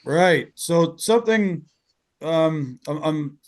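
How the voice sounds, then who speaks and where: A man's voice: fairly high pitch, lively intonation, takes it slowly. A man hosting a podcast, talking emphatically in casual conversation, often repeating words and saying "like". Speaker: podcast host.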